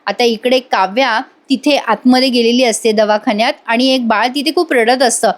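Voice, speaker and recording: A woman's voice: fairly high pitch, normal speed. A woman giving a casual voice-over recap of a TV serial episode, chatting with her listeners. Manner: chatty, often addresses listeners directly. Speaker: TV serial reviewer.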